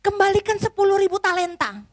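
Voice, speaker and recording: A woman voicing a stern king who demands his debt be repaid, speaking loudly and commandingly. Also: very high voice, very animated, a little fast, dry recording, voice pushed up. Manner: loud, commanding, then softening to mercy.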